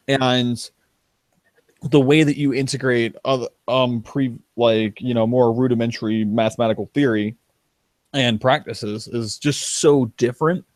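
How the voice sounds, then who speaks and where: A man's voice: mid-range voice, no echo. Rambling young man, podcast guest. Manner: rambling, self-interrupting, laughs. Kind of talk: casual chat.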